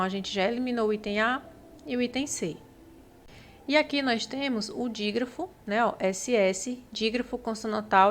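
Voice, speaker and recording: A woman with a Brazilian Portuguese accent giving a patient exam-prep lesson, stretching out syllables and checking in often with the class. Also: on the high side. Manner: patient, drawn-out syllables, frequent "né?" and "ó". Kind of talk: explanatory lesson.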